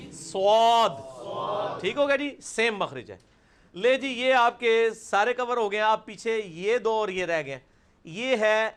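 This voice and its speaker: A middle-aged man with a Punjabi accent and a high voice teaches Quranic pronunciation to a live class. He repeats each sound loudly and slowly for the students to copy, then calls on them one by one by name. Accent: Punjabi-accented Urdu.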